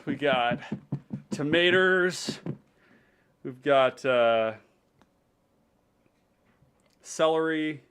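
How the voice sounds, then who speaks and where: A male streamer hosts a live stream in a mid-range, slightly bright, clean voice. Chatty and casual, he reads out viewers' comments and keeps talking while he eats.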